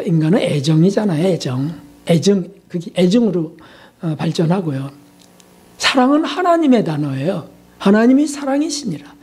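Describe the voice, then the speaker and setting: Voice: mid-range voice, a little mellow. A preacher in full sermon mode, leaning hard on repetition and rhetorical questions. The delivery is emphatic and insistent. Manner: emphatic, rhetorical questions, repeats key words. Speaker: pastor.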